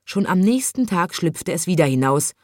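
A woman narrating a children's storybook in an even, measured reading voice. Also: lowish voice, no room sound, clean studio sound.

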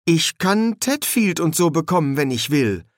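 Man voicing a high, eager young boy for an audiobook, dry close sound. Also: very animated, measured pace, no echo. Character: boy leader, eager, turning commanding then frantic.

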